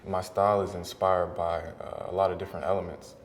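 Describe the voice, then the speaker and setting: A male dancer from the United States introducing himself casually, relaxed and full of fillers. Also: low-pitched, a little fast. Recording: hall with long reverb.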